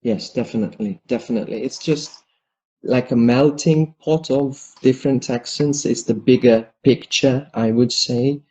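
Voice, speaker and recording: A man hosting an English lesson chats casually, agreeing with his co-host and listing many examples. His voice is mid-range, darkish and slightly rough, at a moderate pace, and the audio is dull and lo-fi.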